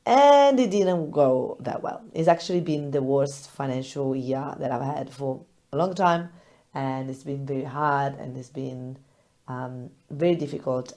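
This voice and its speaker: In a casual solo episode, a business podcast host chats in a low-pitched, hoarse, crackly voice while she recovers from losing it. She is expressive and talkative, laughs a lot, and animates her retellings.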